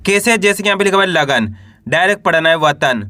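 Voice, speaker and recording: A man with a high, bright voice runs a patient reading lesson. He spells out each letter, then blends them into a word and asks the learners to repeat it. The recording is dry and close, with no room sound. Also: animated, quick pace, no room sound. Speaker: Hindi reading teacher.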